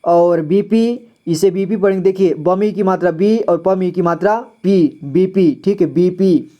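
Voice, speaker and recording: A man's voice: high voice, moderate pace, highs cut off. Patient man teaching children to read. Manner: patient, repeats words, quizzes the viewer. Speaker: Hindi reading teacher. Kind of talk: slow classroom-style reading lesson.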